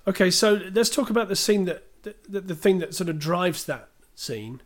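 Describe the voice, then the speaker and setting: A man co-hosts a casual podcast with a voice that sits a little high. He talks in a chatty, storytelling way, walking through film scenes and stopping to read out listener questions. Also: lively intonation, moderate pace. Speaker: podcast co-host.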